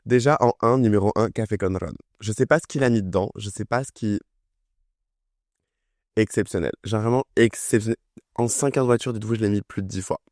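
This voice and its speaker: A man's voice: on the low side, fairly quick, a little mellow, no room sound, clean studio sound. A young man casually reviewing an album, enthusiastic and chatty, with lots of fillers. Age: young adult. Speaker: music review vlogger. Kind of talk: casual chat.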